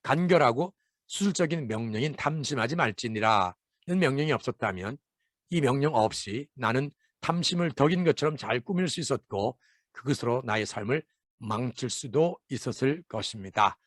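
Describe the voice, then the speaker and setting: A man explaining Bible verses word by word as an English lesson, reading the English phrases slowly and carefully. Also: mid-range voice, lively intonation, no room sound, clean studio sound.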